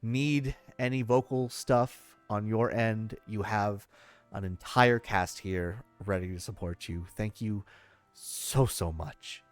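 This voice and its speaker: A man hosting a livestream, chatting casually and thanking people in an effusive, halting way. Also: lowish voice, no room sound, soft background music. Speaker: livestream host. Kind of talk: casual chat, giving thanks to cast.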